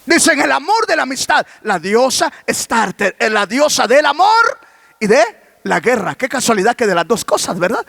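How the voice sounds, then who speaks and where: High, animated preacher. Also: male voice, moderate pace, creaky, no echo. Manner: preaching with rhetorical questions and bursts of shouting. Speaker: pastor. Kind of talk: sermon.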